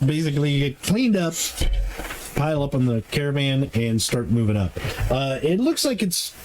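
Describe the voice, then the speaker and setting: A man's voice: mid-range voice, big pitch swings, a little mellow. Man running a tabletop game, noisy recording. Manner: casual, halting narration. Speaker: game master. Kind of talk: improvised tabletop game narration. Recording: noisy room with clicks.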